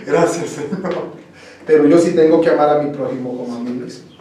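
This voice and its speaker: Young Mexican man, high voice, joking interactive preacher, distant mic in echoey hall. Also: fairly quick, mellow. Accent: Mexican Spanish. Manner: conversational, joking, quizzes the congregation. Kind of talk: interactive sermon. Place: church hall. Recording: echoey room, voice from far off.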